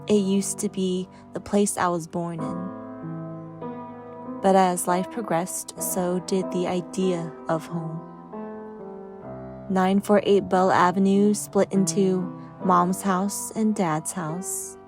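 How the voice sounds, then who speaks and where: Slow, reflective woman narrating. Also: fairly low pitch, steady tone. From Sacramento, California. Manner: measured, poetic delivery. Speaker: documentary narrator. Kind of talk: scripted reflective voice-over. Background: music.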